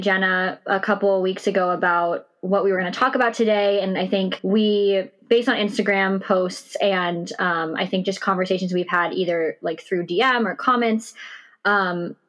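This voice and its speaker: A woman hosts a podcast in a relaxed conversational style. Her voice sits at a medium pitch. She talks informally and loosely, hedging her thoughts as she goes. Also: moderate pace. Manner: informal, hedging with "like" and "you know". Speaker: podcast host. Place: recorded in a shed.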